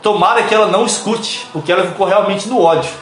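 A young man hosting a casual podcast, telling a story in a slangy, lively way and acting out the people in it. His voice sits high for a man. The room around him is echoey. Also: quick pace, heavy background noise. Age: 20s. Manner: slangy, animated, laughs often, acts out voices in his stories.

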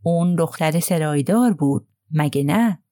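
A woman voicing a gentle male detective who murmurs his questions softly. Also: low-pitched, animated, no room sound, studio quality.

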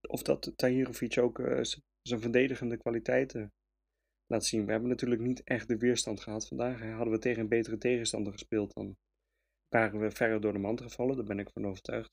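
A man's voice: medium pitch, level tone, brisk, vocal fry, darkish tone, breathy edge. A man from the Netherlands giving an opinionated, emphatic match review as a fan podcast host, with frequent hesitations. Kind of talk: casual match review monologue.

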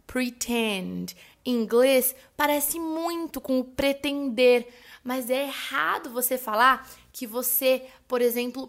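A Brazilian woman with a Brazilian Portuguese accent talks through a podcast lesson in a chatty, friendly register, her voice sitting a little high. She keeps checking in with her listeners and slows right down whenever she models an example word. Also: fairly bright tone. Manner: chatty, addresses listeners as "gente", frequent "né?" and "tá bom?"; models English words slowly and carefully. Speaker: English teacher and podcast host. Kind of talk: casual explanatory lesson.

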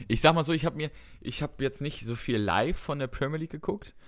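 A man's voice: a little high, a little fast. A man co-hosting a casual podcast, chatting about darts in a rambling way, often correcting himself and listing results at length. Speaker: podcast co-host.

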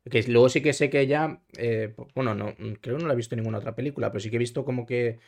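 A man's voice: mid-range voice, racing, creaky, darkish tone. A man co-hosting a podcast, chatting casually about films, rambling with many restarts. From Valencia. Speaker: podcast co-host. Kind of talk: casual film chat.

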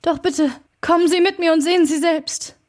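A woman voicing a frightened male servant in an audiobook, pleading and hurried in a raised, strained voice. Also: sits high, a little mellow, pitched above the performer's own voice, lightly acted. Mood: anxious. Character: frightened middle-aged male servant, anxious.

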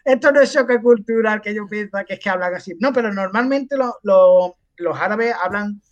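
A man from Andalusia, Spain, speaking with an Andalusian accent, appears as a podcast guest telling anecdotes in casual chat and acting out the voices of the people he quotes. His voice is high, his speed normal, and the recording is muffled.

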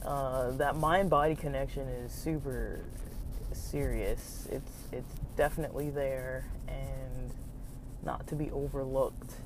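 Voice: mid-range voice, fairly even intonation, slow. A podcast host giving a casual, rambling, informal monologue with hesitant, meandering delivery, recorded inside a car while driving. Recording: muffled road noise inside moving car. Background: vehicle noise.

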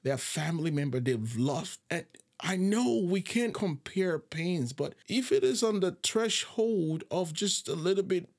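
A man giving a solo podcast reflection on pain and faith, earnest and halting, often repeating words as he searches for what to say. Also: high voice, lively intonation, a little mellow. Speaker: podcast host. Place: living in Japan.

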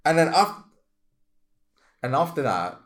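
A man co-hosting a casual spiritual podcast, animated and exclamatory as he acts out his reactions. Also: a little high, takes it slowly. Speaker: podcast co-host.

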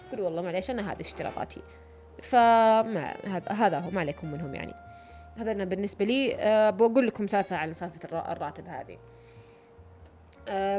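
A woman's voice: mid-range voice, a little mellow. A young woman with a Saudi Arabic accent giving frank, direct advice in a chatty monologue, with fillers and restarts. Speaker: vlogger giving job interview advice.

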